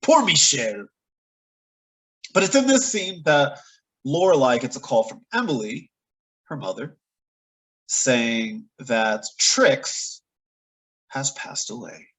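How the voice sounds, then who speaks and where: A man's voice: medium pitch, very animated, slow, pauses often, husky, poor audio. A man hosting a podcast, recapping a TV episode in a casual, chatty way with playful exaggeration. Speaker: podcast host.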